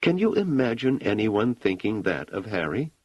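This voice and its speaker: A man's voice: fairly low pitch, sing-song, normal speed, a little mellow, dry recording, lo-fi sound. A man reading an audiobook, voicing a skeptical grown son who talks bluntly with dry sarcasm. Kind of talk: audiobook character voice.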